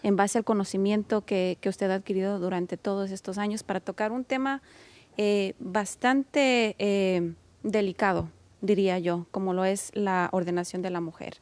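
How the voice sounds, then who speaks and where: A woman hosts a studio interview, formal and courteous in tone. Her voice sits at a middle pitch, and she sometimes hesitates with small fillers. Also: fairly even intonation, normal speed, a little mellow. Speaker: TV program host. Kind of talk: interview hosting.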